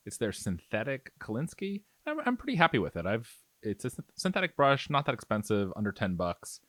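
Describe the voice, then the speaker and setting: His voice sits low with a fairly bright tone and no room sound. The host of a miniature painting tutorial, he narrates in a relaxed, explanatory way, like he's thinking aloud.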